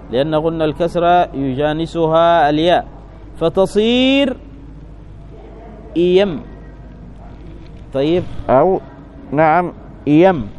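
A man's voice: a little high, darkish tone, slight background noise, low-quality recording. A man teaching a grammar lesson, reading from a text, explaining it and asking the class questions that he then answers himself. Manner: repeats key points, thinks aloud.

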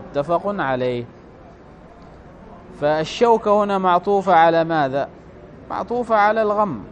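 A man's voice: fairly high pitch, slight background noise. Muffled male grammar teacher explaining a text. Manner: reads quoted text louder, then explains in plain terms. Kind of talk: classical lecture, reading a text then explaining.

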